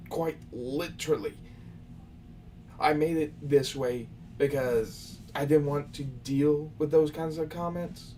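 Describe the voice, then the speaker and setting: A young man with a fairly high, mellow voice hosts a casual live question session for his channel. He speaks loosely while lecturing viewers with some exasperation. Faint background noise is present, and he is far from the mic.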